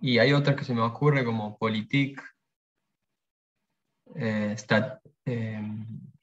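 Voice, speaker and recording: A man's voice: on the low side, steady tone, slow. A man teaching a pronunciation workshop, explaining patiently and repeating example words. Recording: dull lo-fi sound.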